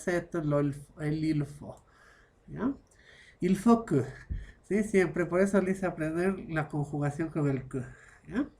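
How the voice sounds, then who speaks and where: A man's voice: sits high, a little mellow. A man teaching French grammar as a lesson, explaining in one language and switching into French for examples, constantly checking with short tag questions. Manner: checks understanding with constant "¿ya?" and "¿no?" tags.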